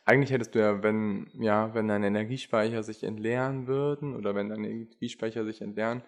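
A man's voice: fairly low pitch, steady tone, a little fast. A young man explaining physiology in casual chat, hesitant and full of fillers. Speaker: podcast co-host, endurance athlete.

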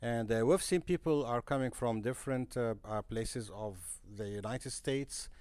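A man's voice: medium pitch, darkish tone, clean tone, no echo. A man from Egypt, a guest in a podcast interview, speaking earnestly and restarting his phrases often. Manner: earnest, halting with frequent restarts. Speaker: guest, missionary broadcaster. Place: conference center.

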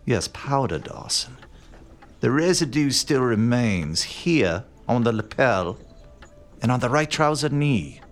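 Playing a haughty, self-confident master sleuth in a comedic murder-mystery audio drama, this male actor uses a mid-range, sing-song voice over soft background music. He speaks in a deliberate, theatrical way with quiet musings, sounding pleased with himself.

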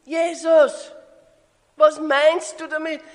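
A woman voicing panicked disciples, calling out loudly and pleading for help. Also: high-pitched, flat delivery, slow pace, voice pushed up. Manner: loud, pleading and frantic. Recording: echoey hall.

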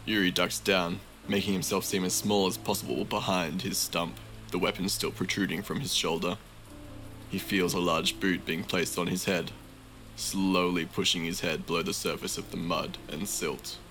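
A man narrating a tabletop fantasy game as game master, in slow, measured, vivid storytelling. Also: low-pitched, steady tone, fairly bright tone, faint music behind.

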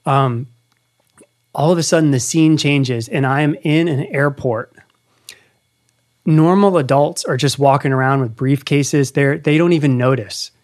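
Speaking at a measured pace, this thirtysomething male podcast host has a medium-pitched, darkish voice. He hosts a relaxed chat and recounts an earnest story with plenty of animation.

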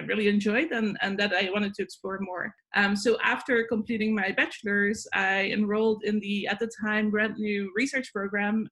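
A woman's voice: medium pitch, fairly bright tone. Dutch-accented woman, thoughtful guest. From Netherlands. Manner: thoughtful, many fillers and restarts. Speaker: guest, psychology professor. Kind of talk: interview answers.

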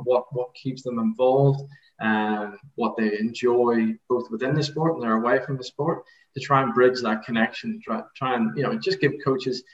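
A middle-aged man with an Irish accent, explaining things casually as an interview guest. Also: medium pitch. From Ireland. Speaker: podcast guest, rugby coaching researcher. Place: converted garage office. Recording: dull, roomy remote recording.

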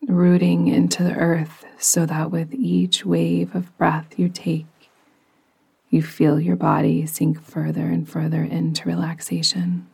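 This is a female yoga nidra guide talking listeners through relaxation, her lowish voice barely moving in pitch. She's breathy, soft and partly whispery, keeping things calm, gentle and slow.

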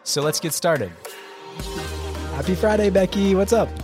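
A man's voice: high voice, a little slow, over loud music. An American man co-hosting a podcast in an informal, enthusiastic and conversational way. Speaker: podcast co-host.

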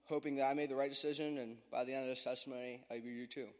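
A man's voice: mid-range voice, flat delivery, racing, a little mellow. A teenage American male gives a prepared church testimony with a self-deprecating, joking manner. His speech has a lisp from an overbite appliance. The voice rings out with long reverb in a large hall. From Florida, United States. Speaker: student giving a testimony at church youth service.

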